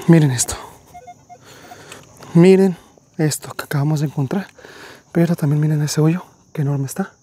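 Husky young man vlogging in woods. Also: fairly high pitch, moderate pace, pauses often, mellow. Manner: enthusiastic, addresses viewers as friends. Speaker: treasure-hunting vlogger. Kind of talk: outdoor vlog narration. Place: wooded hillside outdoors. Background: crickets and insects.

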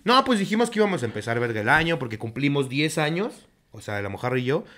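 A man's voice: mid-range voice, big pitch swings, fast, fairly bright tone. A young adult man with a Mexican accent co-hosting a casual comedic chat, crude and joking and full of swearing. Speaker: podcast co-host.

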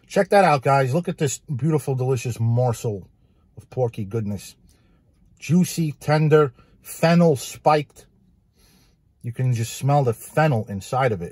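A man with a somewhat husky, mid-pitched voice hosts a casual food review vlog. He talks eagerly and says his key phrases twice for emphasis. The sound is dry and close, with no room around it. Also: dry recording. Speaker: pizza reviewer and host.

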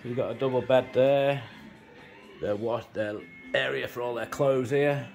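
A man's voice: medium pitch, fairly even intonation, normal speed, creaky, a little mellow, faint music behind. A man, talking casually as he films a tour of a small rented house, rambling and explaining as he goes. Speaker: travel vlogger giving a house tour. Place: outdoors on a house terrace and indoors in small rooms. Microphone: handheld phone camera.

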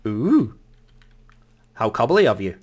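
A man's voice: mid-range voice, very animated, slow, husky. A man chatting casually while playing a game with friends, teasing and laughing often. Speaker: gameplay commentator. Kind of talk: casual multiplayer game chat.

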